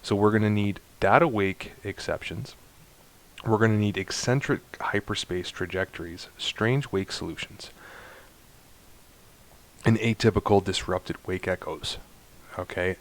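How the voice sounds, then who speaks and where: A man narrating a space game walkthrough, explaining steps to viewers in a chatty, instructive way and getting excited at times. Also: fairly low pitch, a little slow, long pauses. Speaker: gaming YouTuber. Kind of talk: let's play walkthrough commentary.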